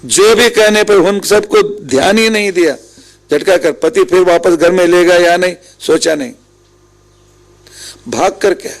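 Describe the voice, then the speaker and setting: His voice sits high and sounds creaky, and the audio is poor. An Indian-accented religious storyteller, he gives a devotional discourse at an unhurried pace, recounting scripture stories complete with quoted dialogue.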